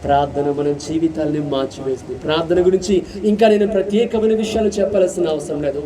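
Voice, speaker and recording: A man preaching and then leading his congregation in prayer, fervent and repetitive, with his pleas rising loud. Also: fairly high pitch, fast talker, a crowd in the background. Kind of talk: sermon and led prayer. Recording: distant mic with congregation audible.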